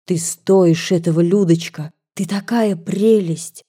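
Woman reading as Nina, a soft-whispering princess girl. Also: fairly low pitch, takes it slowly, slightly rough. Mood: tender whisper. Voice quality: guttural little voice. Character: young princess schoolgirl, tender and proud.

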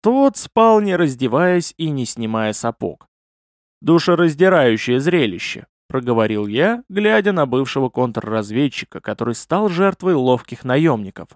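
Expressive man narrating an audiobook. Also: mid-range voice, normal speed, hardly any pauses, no echo, studio quality. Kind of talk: scripted fantasy audiobook narration.

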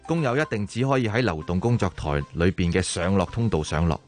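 Brief: steady safety instructor, low voice, radio play. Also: male voice, a little fast, soft background music. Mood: instructive. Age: young adult. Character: calm young male safety expert. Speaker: safety expert in a safety radio drama. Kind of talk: radio drama acting.

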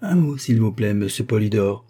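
A man's voice: fairly low pitch, expressive, moderate pace, warm tone, slightly rough. A man reading an audiobook and voicing a polite, scheming middle-aged male manservant who speaks in a formal, composed way. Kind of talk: audiobook character voice.

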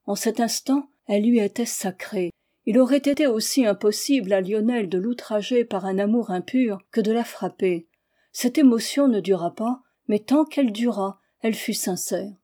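A woman narrating a classic novel in a measured, expressive reading. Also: mid-range voice.

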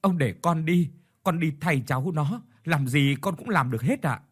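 A man's voice: fairly high pitch, animated, moderate pace, husky, voice pushed up. A man voicing a poor peasant woman over sixty who begs and pleads tearfully in a storybook reading. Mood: pleading.

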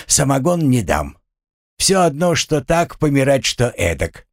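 Meek peasant orderly, voiced by a male narrator; servile, nervy, animated, dry recording. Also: medium pitch, measured pace, dry recording, pitched above the performer's own voice. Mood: meek deferential. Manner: meek, servile, slightly sly. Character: timid simple male orderly, deferential.

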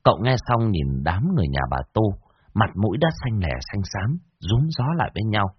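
Man, horror story narrator, low voice, lively pitch, dry. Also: brisk, husky, no room sound, muffled recording. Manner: vivid, expressive storytelling.

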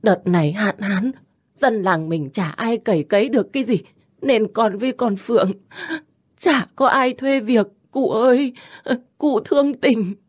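A woman's voice: medium pitch, slow, darkish tone, slightly rough. A woman voicing a frightened, poor old peasant woman who stammers and pleads tearfully. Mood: begging.

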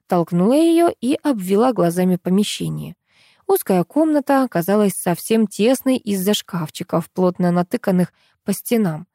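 A woman reading a first-person story aloud as an audiobook narrator, in an even, ironic storytelling manner. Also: medium pitch, moderate pace, dry recording, clean studio sound.

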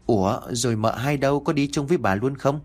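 A man's voice: mid-range voice, a little fast, natural voice. A man voicing a frightened, confused young housemaid who stammers and pleads in an audiobook. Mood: confused pleading.

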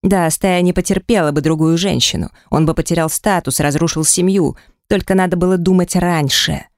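A brooding, short-fused werewolf man speaks in clipped, gruff outbursts. He is voiced by the narrator of a storybook audiobook. The voice is mid-pitched and sits in a very dry, close recording. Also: moderate pace, no echo, natural voice. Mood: angry. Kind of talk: audiobook character dialogue.

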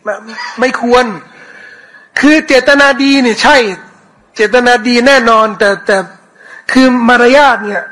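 A man teaching a commentary lesson on scripture, answering questions in a casual way, repeating words and reciting verses slowly. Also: very high voice, pushed and bright, poor audio. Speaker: Islamic teacher.

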